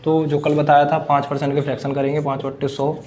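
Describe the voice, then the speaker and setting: A man's voice: a little high, completely flat delivery, quick pace, a little mellow. A man teaching a blackboard maths lesson, asking the class questions and then answering them himself. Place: classroom with a board.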